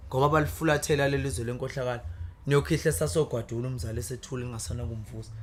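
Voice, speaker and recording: A man's voice: fairly high pitch, fairly bright tone, slight background noise. A man with a Zulu accent reciting praise poetry in an impassioned, declamatory torrent. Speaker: guest, praise poet.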